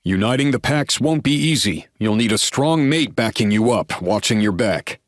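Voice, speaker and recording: A man's voice: fairly low pitch, lively intonation, normal speed, vocal fry, no echo, studio quality, pitched above the performer's own voice. A man voicing a jovial, doting older werewolf pack leader in an audiobook, effusive and fond. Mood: delighted. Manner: warm, delighted, effusive. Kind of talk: audiobook character voice.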